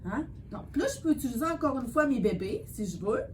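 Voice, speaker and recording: A woman tutoring a child in spelling, patient and encouraging, sounding out words slowly. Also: a little high, animated, darkish tone, slight background noise. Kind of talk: one-on-one spelling lesson.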